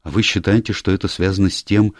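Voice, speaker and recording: A man reading an audiobook, voicing a young woman who rises into higher, quick exclamations. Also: steady tone, no echo, clean studio sound. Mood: urgent. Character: Susan Banks, composed young woman.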